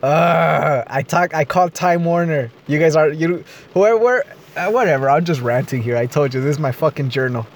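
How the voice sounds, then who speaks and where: A man's voice: fairly high pitch, moderate pace, hardly any pauses, slight background noise. A man ranting in a vlog, agitated, swearing and rambling. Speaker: vlogger. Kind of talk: profane personal rant.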